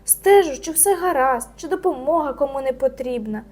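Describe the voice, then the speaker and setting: A woman voicing a strict camp counselor in a storybook reading, scolding loudly. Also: steady tone, fast, faint music behind, close to an everyday voice. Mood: shrieking. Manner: scolding, shrill when shouting.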